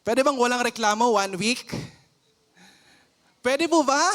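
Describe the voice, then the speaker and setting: A Filipino man preaching a lively church sermon, playful, acting out everyday scenes and mixing in English phrases. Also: very high voice, takes it slowly. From Philippines. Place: church sanctuary. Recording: long church hall reverb.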